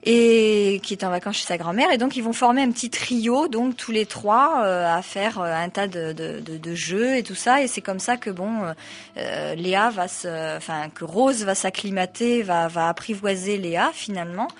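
A woman's voice: medium pitch, moderate pace. A woman reading a novel aloud, breaking off for hesitant spoken asides full of fillers. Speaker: reader.

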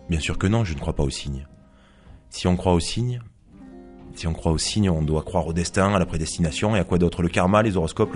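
A man's voice: sits low, lightly acted. A man reading aloud as a first-person narrator, a sardonic psychologist who scorns belief, in a dry, mocking monologue. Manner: dry, mocking monologue with asides to an unseen listener. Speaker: author reading his novel aloud.

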